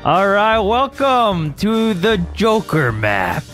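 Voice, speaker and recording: Lively high-pitched man joking over a game. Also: slow, faint music behind. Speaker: gamer in a group session. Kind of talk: casual game banter.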